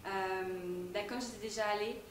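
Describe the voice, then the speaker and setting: A woman's voice: mid-range voice, steady tone, moderate pace. Casual Canadian woman, roomy distant sound. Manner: casual, filler-heavy. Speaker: volunteer. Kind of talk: interview answers. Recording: echoey room, far from mic, noisy.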